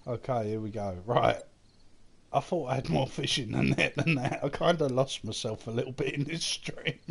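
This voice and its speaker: A man's voice: mid-range voice, moderate pace, gravelly, slightly rough. A man chatting casually with viewers on a game live stream, laughing often at his own jokes. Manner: chats with viewers, reading their comments aloud.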